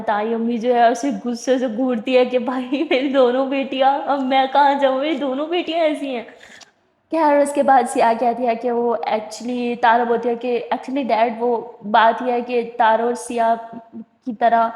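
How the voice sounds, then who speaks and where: A woman's voice: a little high, a little mellow. A woman casually narrating a love story, retelling scenes in a chatty way. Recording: roomy echo with long reverb.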